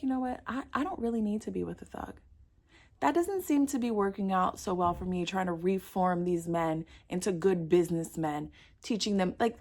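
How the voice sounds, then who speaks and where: A woman's voice: mid-range voice, gravelly. A millennial woman from South Florida giving chatty, sassy dating advice straight to her viewers, calling them girl and babe. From South Florida, United States. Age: millennial, 30s. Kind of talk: casual direct-to-camera advice.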